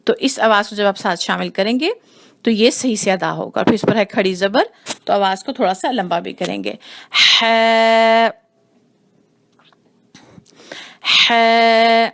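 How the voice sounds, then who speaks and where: A woman teaching Quran recitation rules, explaining slowly and repeating each sound to demonstrate it. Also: medium pitch, gravelly. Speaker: tajweed teacher. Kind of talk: patient recitation lesson.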